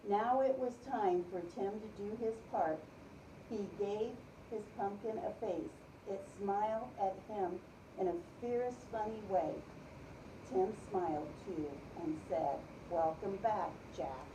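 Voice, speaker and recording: In a roomy recording from a distant mic with background noise, a woman teacher reads a picture book to her preschool class and asks questions. Her voice is mid-range and her pace slow. She repeats each pupil's answer and affirms it.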